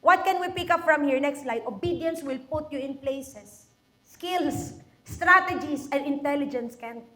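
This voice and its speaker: High-voiced woman preaching in an echoey room. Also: unhurried, pushed and bright. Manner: impassioned, switches freely between two languages, acts out prayers to God. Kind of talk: sermon.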